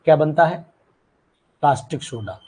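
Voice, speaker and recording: Husky, dark-voiced male chemistry teacher. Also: on the high side, lively intonation, moderate pace, poor audio. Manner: quizzes students by name, drills key terms; mixes in English terms. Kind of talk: live online class lecture.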